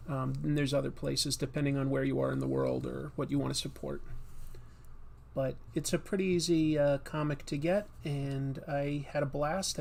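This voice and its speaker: A comic artist hosting a casual livestream while drawing speaks in a fairly high, creaky voice that's slightly nasal. His talk is chatty and rambling, marked by many fillers and restarts.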